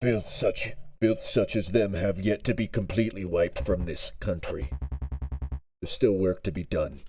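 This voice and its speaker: A man's voice: a little slow, a little mellow, soft background music. A man voicing a stern, self-righteous villain, speaking into a cup so his voice sounds muffled and boxed in. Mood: grim. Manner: low, grave delivery while dubbing a game character. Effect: muffled, spoken into a cup. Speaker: gamer voicing game characters.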